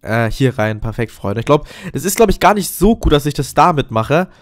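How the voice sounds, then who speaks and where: Despite a cold, this male gaming YouTuber keeps up upbeat, chatty Let's Play commentary, frequently greeting viewers as friends. He speaks at a moderate pace in a sing-song, mid-range voice.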